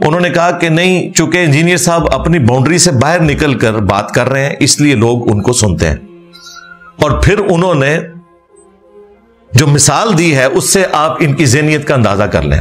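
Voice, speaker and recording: A man giving argumentative religious commentary, answering a cleric with sarcasm and rhetorical questions. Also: a little high. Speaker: religious speaker rebutting a cleric.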